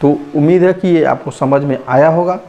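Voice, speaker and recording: Male teacher, slightly high voice, drills words slowly, each repeated twice; muffled lo-fi recording. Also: dark tone. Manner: reads word lists slowly, repeats each word to stress vowel length. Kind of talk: Hindi phonics lesson. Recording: dull lo-fi recording.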